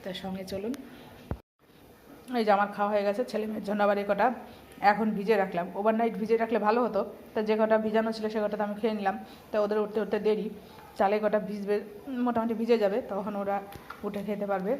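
A woman's voice: medium pitch, flat delivery, quick pace, pauses often, darkish tone, reverberant, a little hiss or hum. A housewife vlogger chatting casually to her viewers as she walks them through her day at home. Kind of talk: casual vlog narration to viewers. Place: at home, kitchen and rooftop.

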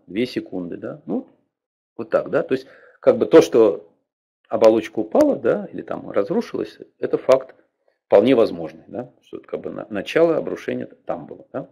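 A man's voice: mid-range voice, sing-song, brisk, creaky, warm tone, slightly rough. An older man giving an academic lecture, loose and digressive, often checking in with his listeners. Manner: digressive, frequent filler particles and tag questions.

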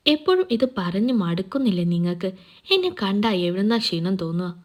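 A stern young husband, guarded and cold, as a woman narrator reads his lines. He speaks gravely and evenly, keeping his distance, at a plain middle pitch in a storybook reading. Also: very animated, natural voice. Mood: irritated. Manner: grave, measured, cool.

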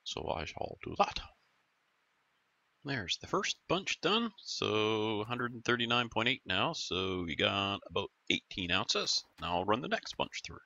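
A Canadian man hosts a gaming channel, giving casual let's-play commentary while stuffed up and growly, thinking aloud and correcting himself along the way. His voice sits on the low side, sing-song and a little slow, with vocal fry and a sharp tone. The audio is dull.

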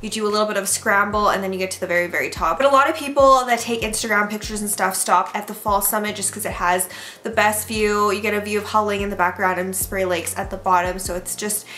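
A woman in her thirties talking casually to camera in a small room at home, chatty and relaxed as she recaps a hike. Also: mid-range voice, fast, slight background noise. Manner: chatty and relaxed, with fillers like "so yeah". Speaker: hiking vlogger. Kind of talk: casual vlog talk to camera.

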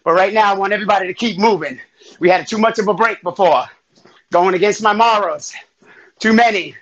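A high-pitched man coaching a live workout at full energy, counting down and cheering people through each round. He sounds winded from exercising along. The audio is a bit dull and muffled, like a livestream. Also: a little fast. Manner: energetic, calls out counts and encouragement; breathing hard while exercising. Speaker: fitness instructor. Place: home workout space.

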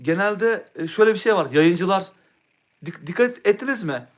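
A man's voice: high-pitched, lively intonation, moderate pace, dull audio. Rambling young male live streamer. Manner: rambling, restarts words, answers chat. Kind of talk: casual live-stream chat.

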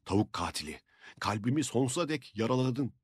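A man reading an audiobook, voicing an agitated, theatrical eccentric who shouts indignantly. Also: mid-range voice, animated, a little fast, breathy edge, no echo, clean studio sound, pitched above the performer's own voice. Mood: wailing.

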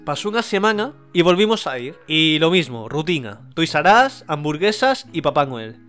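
A man's voice: on the high side, big pitch swings, normal speed, a bit bright, clear, resonant tone, soft background music. A young man with a Murcian Spanish accent, casually telling a funny story on his channel, often laughing and swearing. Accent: Spanish from Spain, Murcia. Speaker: channel host.

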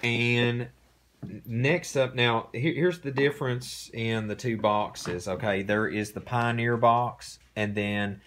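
A man hosting a casual unboxing, talking in a relaxed, rambling way with many fillers, recorded indoors on a camera mic. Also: mid-range voice, takes it slowly, slight background noise. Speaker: host. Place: indoor room.

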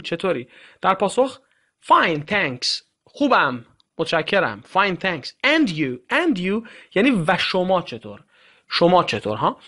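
Male teacher, gravelly voice, slow and patient, repeats every phrase. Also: sits high, fairly bright tone. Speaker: English teacher. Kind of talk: explaining English to Persian learners.

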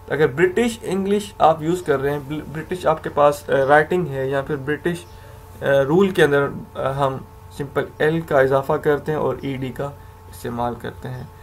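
Man, grammar teacher, patient, repeats examples, slightly high voice, faint background noise. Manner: patient, repeats and spells out examples, self-corrects. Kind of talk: explaining grammar to learners in Hindi-English mix.

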